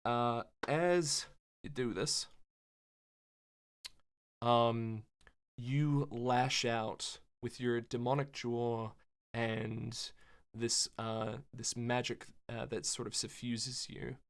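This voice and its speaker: Slow gravelly man running a tabletop game. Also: mid-range voice, steady tone. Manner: halting, filler-heavy descriptive narration. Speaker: game master.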